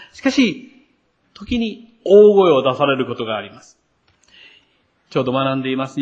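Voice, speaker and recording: Earnest man preaching a sermon, lively and animated, muffled lo-fi church recording. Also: on the high side. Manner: earnest, expressive preaching with rising emphasis. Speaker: pastor.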